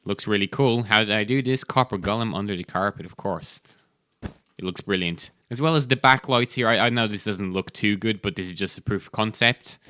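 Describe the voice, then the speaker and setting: Bright-voiced man chatting enthusiastically. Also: fairly low pitch, fairly quick, smooth, no echo. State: chewing gum. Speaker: host. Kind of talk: gameplay commentary.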